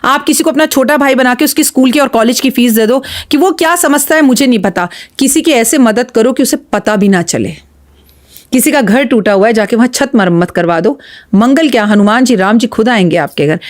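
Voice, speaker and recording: Blunt, preachy woman astrologer, slightly high voice. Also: brisk. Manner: retells stories with quoted dialogue. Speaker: astrologer guest. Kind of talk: podcast interview advice.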